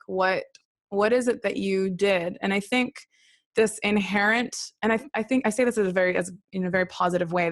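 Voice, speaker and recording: A woman with a mid-range voice, recorded in clean studio quality with no room sound, speaks as a podcast guest. She's a singer-songwriter born in Australia and raised in Israel and Brisbane, and she tells personal stories in a casual, candid way.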